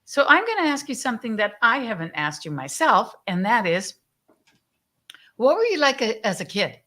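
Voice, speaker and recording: Effusive bright-voiced woman host. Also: a little high, big pitch swings, moderate pace. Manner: effusive, warm praise, many fillers. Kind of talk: live stream interview. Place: live stream video call.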